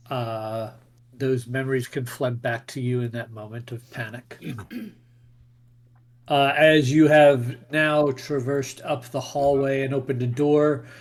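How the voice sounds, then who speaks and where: A man acts as game master for a tabletop fantasy game. His voice sits at a middle pitch, and he lays out scenes in deliberate, descriptive phrases. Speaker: game master and show host.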